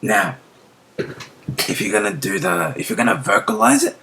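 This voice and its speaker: A beatbox tutor casually explaining a technique step by step, often checking in with "right?" and dropping into soft whispered asides. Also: mid-range voice, expressive, normal speed, creaky.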